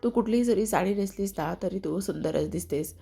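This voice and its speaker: A woman's voice: mid-range voice, brisk, creaky, dark tone, breathy edge. A doting middle-aged husband played by a woman narrator. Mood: affectionate. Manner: affectionate, reassuring.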